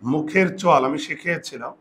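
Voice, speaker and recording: A man with a fairly high voice teaching a classroom lesson. He explains each step slowly and keeps quizzing his students as he goes. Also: a bit bright, a little hiss or hum. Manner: explanatory, asks the class questions. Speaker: Bengali grammar teacher.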